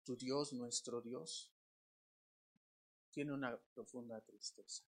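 A Mexican pastor preaching a sermon to his congregation in a conversational way, swinging between loud emphatic lines and quiet low asides, asking questions and repeating words. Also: fairly even intonation, takes it slowly, husky. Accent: Mexican Spanish.

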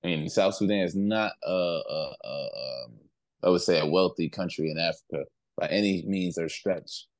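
A young man from outside the US co-hosts a podcast, chatting casually in a low-pitched voice at a moderate pace. He tells stories in a relaxed, rambling style packed with slang, and there's no echo.

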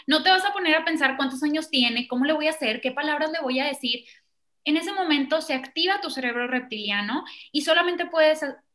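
Woman, parenting expert; high, bright voice, animated explainer. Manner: animated, acts out children and parents in quoted voices. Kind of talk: explanatory conversation.

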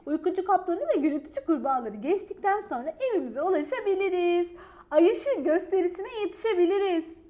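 A woman voicing a cheerful, caring little striped forest creature in a children's story, bright and reassuring. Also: extremely high pitch, expressive, brisk, pitched above the performer's own voice. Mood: joyful. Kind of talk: storybook character voice.

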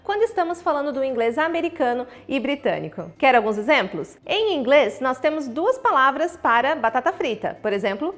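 A Brazilian woman teaching English in a video lesson, speaking directly to the viewer and demonstrating English words, with a Brazilian Portuguese accent. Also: high voice. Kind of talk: online video lesson with tips.

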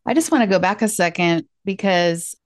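A woman's voice: on the low side, normal speed, no room sound, studio quality. A woman hosting a podcast interview, affirming her guest in casual chat with lots of filler words. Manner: warm, affirming listener, talks with many fillers like "like". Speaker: podcast host.

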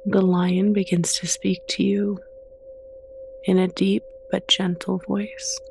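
With a medium-pitched voice and a totally flat delivery, a soft-spoken meditation guide slowly reads calming scripted narration. The unhurried pauses and slight creak keep it gentle. A faint hiss or hum is audible.

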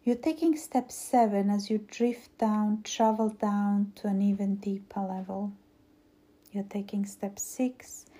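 Woman, slow hypnotist voice for guided hypnosis; soft dark tone, husky breath, phrases fading to near-whisper. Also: medium pitch. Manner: slow, soothing hypnotist delivery with drawn-out pauses and repetition. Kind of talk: guided weight-loss hypnosis induction.

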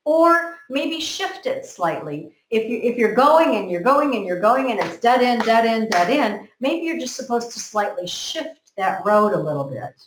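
A woman's voice: fairly high pitch, sing-song, measured pace, hardly any pauses, a little hiss or hum. A woman from America, talking earnestly in a group conversation and often repeating words as she works out her thoughts. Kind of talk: motivational group chat. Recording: roomy echo.

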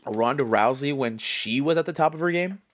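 A man in his twenties, congested, talking in a rambling, animated style full of fillers as a solo podcast host. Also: mid-range voice, brisk. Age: 20s. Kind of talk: casual solo commentary.

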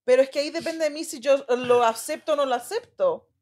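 A woman's voice: sits high, brisk, a little mellow. A young Chilean woman, a daughter, telling stories and questioning in a casual family chat. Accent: Chilean Spanish.

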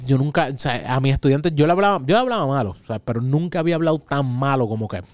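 A Puerto Rican man in his thirties, a podcast host, telling a story in casual chat and acting out his own shouts. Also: mid-range voice, expressive, fast talker, no room sound. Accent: Puerto Rican Spanish.

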